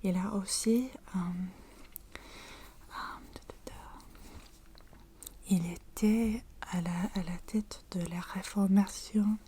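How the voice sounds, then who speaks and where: Soft-spoken ASMR woman, French, mellow and unhurried, close intimate whisper. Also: mid-range voice, steady tone, a little hiss or hum. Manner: slow, halting whisper with frequent pauses and restarts. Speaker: ASMR creator. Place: indoors at home.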